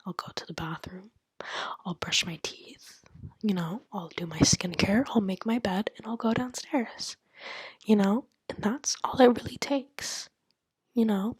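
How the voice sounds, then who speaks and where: In a dry recording, a young vlogger speaks a little slowly in a medium-pitched, breathy whisper. She rambles candidly to the camera, her talk littered with "like" and "you know."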